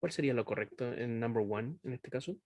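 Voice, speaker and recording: A man's voice: medium pitch, a little fast, a little mellow. A male teacher leads an online class through a computer microphone. He explains patiently, often stops to check understanding, and moves easily between two languages. His voice sits in a middle range, and the recording is dry with no room echo. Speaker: English teacher.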